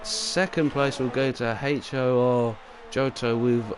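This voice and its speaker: Slow-talking male race commentator. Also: medium pitch, background noise. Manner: excitable, exclamatory commentary. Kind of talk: sim racing commentary.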